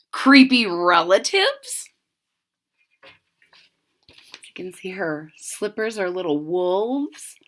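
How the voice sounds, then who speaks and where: This woman's mid-range voice has a fairly bright tone as she reads a children's story aloud with expression. Key words get dramatic stress and are drawn out, and she adds asides to explain along the way.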